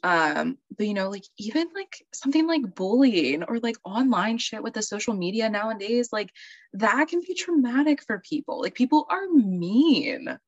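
A woman's voice: on the high side, expressive, moderate pace, no echo, muffled recording. A young woman counselor, chatting casually as a podcast guest, laughing often and filling her talk with "like.". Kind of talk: casual chat.

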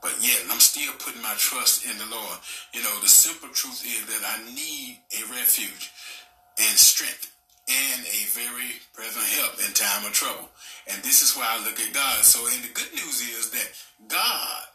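A middle-aged man delivers a sermon and sprinkles "amen" and "praise God" between nearly every phrase. His voice is sharp and bright. He sits some distance from the mic, and the room gives it a clear echo. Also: mid-range voice, normal speed. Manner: preaching with constant "amen" and "praise God" interjections. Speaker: preacher.

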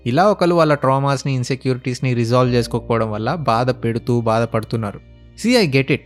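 A man's voice: medium pitch, a little fast, faint music behind. A man telling a relationship story in a casual, blunt and sarcastic way, slipping English phrases into his talk. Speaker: relationship advice vlogger.

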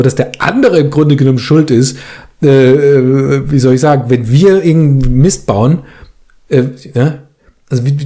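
A man's voice: mid-range voice, mellow. A man reading a story aloud, acting out a heated quarrel and then chatting about it with amused commentary. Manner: acts out both quarrelling characters. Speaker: reader of a story.

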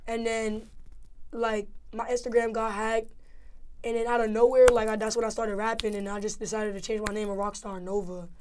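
Young new york woman rapper, laid back slang, lots of "feel me", kinda high voice. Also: level tone, moderate pace, darkish tone, a little hiss or hum. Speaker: rapper guest. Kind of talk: casual interview chat.

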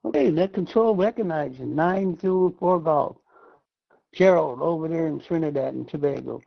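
A man running a radio net with a gravelly, fairly high voice, heard over fading shortwave radio. The sound is dull and lo-fi, and his level dips as the signal fades. He speaks in a measured, formal on-air style and spells out call signs. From Massachusetts, USA. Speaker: net control operator. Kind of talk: amateur radio net procedure.

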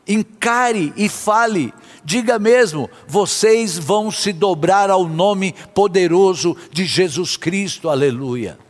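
A man's voice: sits high, slow, soft background music. A man preaching a sermon as a pastor, impassioned, sometimes half-singing his phrases. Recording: long hall reverb.

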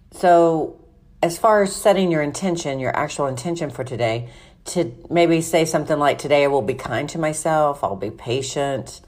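A woman hosting a podcast, giving informal self-help guidance in a measured, instructional, conversational way. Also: low voice, a little mellow. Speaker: podcast host.

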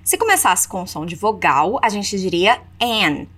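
A woman teaching English. She gives repeat-after-me drills, slows down to model English phrases, then explains them in Portuguese. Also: mid-range voice, animated, a bit bright, slightly rough.

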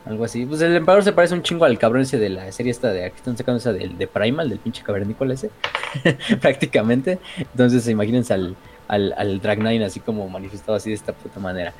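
A man with a Mexican accent, a streamer casually retelling game lore in an excitable, profane way, full of fillers and slang. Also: fairly low pitch, fast talker, slight background noise. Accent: Mexican Spanish.

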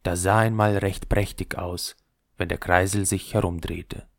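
A man narrating a fairy tale, reading in an expressive storytelling manner. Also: a little slow, gravelly, no echo, studio quality. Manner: expressive storytelling with lively pitch.

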